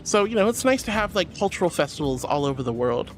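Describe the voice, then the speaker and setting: A woman's voice: lowish voice, sing-song, fast talker, faint music behind. A woman hosting a casual livestream, reading chat aloud and replying affectionately with pet names, often giggly. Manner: affectionate, uses pet names like honey and sweetie; giggly, laughs often while talking. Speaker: livestream host.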